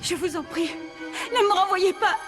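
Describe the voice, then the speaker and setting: A melodramatic young maid pleads tearfully over her lost love. Her voice is extremely high, and music runs clearly beneath the dubbed scene. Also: moderate pace, fairly bright tone. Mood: pleading. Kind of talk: French dub of a TV series.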